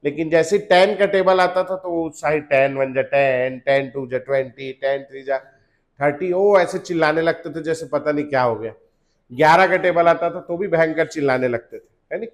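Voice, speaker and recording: A man in his thirties teaching chemistry to a classroom in a casual lecture. He asks tag questions over and over and makes the class chant formulas loudly and slowly. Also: a little high. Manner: chatty, rhetorical tag questions, drills formulas by loud slow chanting.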